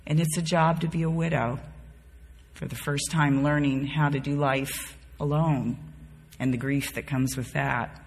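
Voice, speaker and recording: Addressing a group in a big, reverberant hall, this Bahamian-born woman in her fifties, who later lived in North Carolina, teaches Bible study in a relaxed, folksy, chatty way. Her voice sits low and a little mellow with a breathy edge, keeping a steady tone and measured pace.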